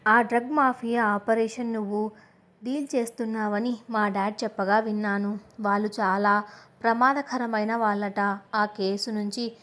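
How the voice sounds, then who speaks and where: A woman's voice: mid-range voice, steady tone, moderate pace, a bit bright, lightly acted. A woman voicing a proud rich girl pleading, voice trembling.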